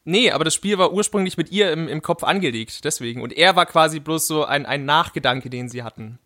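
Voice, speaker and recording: A man's voice: on the high side, sharp tone. A man hosting a casual podcast chat about games, posing questions to his guests. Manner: quick, question-posing, moderating. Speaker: podcast host.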